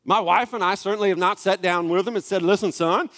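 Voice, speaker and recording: A man in his thirties preaching a sermon, telling a family story in a relaxed, conversational way with asides to the congregation. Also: sits high, fast. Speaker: pastor. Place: church sanctuary. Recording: long church hall reverb.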